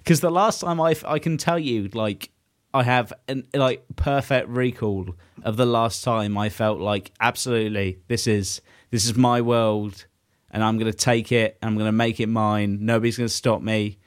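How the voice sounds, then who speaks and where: A man in his mid twenties chatting casually on a podcast, rambling and animated, swearing freely. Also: fairly low pitch, moderate pace, smooth, no room sound, studio quality. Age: 20s. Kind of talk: casual chat.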